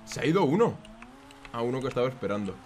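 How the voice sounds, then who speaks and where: A young man giving excitable, self-mocking commentary while playing a racing game. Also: mid-range voice, fast talker, a little hiss or hum. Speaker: gaming YouTuber.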